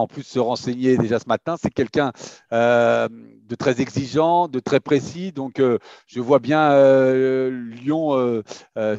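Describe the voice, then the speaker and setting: A male sports pundit speaks with a Parisian French accent in a halting, conversational way. The sound is dry and slightly muffled. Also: mid-range voice, darkish tone, dry recording. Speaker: guest rugby pundit. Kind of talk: casual sports discussion.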